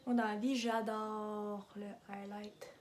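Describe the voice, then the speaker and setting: A young woman with a Québécois French accent chats casually through her everyday makeup routine, wandering into asides and slipping in English beauty terms. Her mid-range voice stays level and slow, with a faint hiss or hum in the audio.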